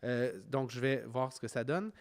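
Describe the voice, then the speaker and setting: A man with a Quebec French accent narrating an informal software tutorial, explaining step by step in a conversational way. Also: medium pitch, moderate pace. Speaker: music software instructor.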